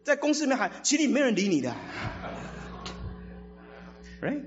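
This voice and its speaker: Animated high-pitched male pastor preaching. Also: normal speed. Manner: animated, rhetorical questions, acts out quoted voices. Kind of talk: sermon. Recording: reverberant hall, dull lo-fi sound, faint music.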